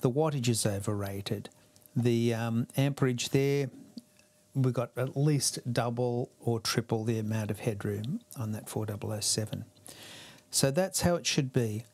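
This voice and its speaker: Male amp tech talking viewers through a bench repair: conversational, mid-pitched, explains as he works, pokes fun at himself. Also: a little slow, darkish tone. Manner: chatty, explains step by step while working. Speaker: guitar amp repair technician. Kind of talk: hands-on repair tutorial.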